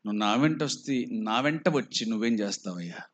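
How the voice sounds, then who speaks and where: A man with a Telugu accent, preaching a slow, emphatic sermon full of rhetorical questions. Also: lowish voice, animated, lo-fi sound. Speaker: pastor.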